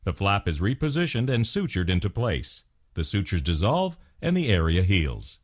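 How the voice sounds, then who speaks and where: A fairly low-voiced man, narrator of dental explainer videos, reads a scripted instructional piece. He sounds formal and measured, though his pitch moves lively through every sentence.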